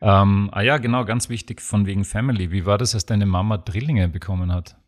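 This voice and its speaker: A man hosts a casual interview with a low-pitched voice. He asks his questions lightly and slips in joking, teasing remarks. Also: steady tone, a little fast.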